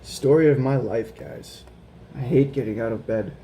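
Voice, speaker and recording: Slow and gentle, a mid-range male voice reads a picture book to children as a guest reader, pausing to put questions to the kids. The audio is poor, with a little hiss or hum.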